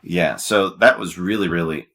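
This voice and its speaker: A male podcast host with a low, raspy voice. He chats casually but presses his points with emphasis, often tagging them with a quick check for agreement. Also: fairly bright tone.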